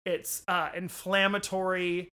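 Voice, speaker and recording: A man co-hosting a podcast, joking and animated, laughing often in casual chat. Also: sits high, measured pace. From New York. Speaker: podcast co-host.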